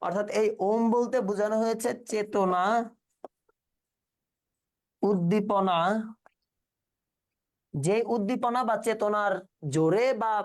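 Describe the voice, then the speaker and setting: A man runs an exam-prep class in a relaxed, colloquial way. He fires questions at his students and echoes their answers back as he goes. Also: high-pitched. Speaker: teacher.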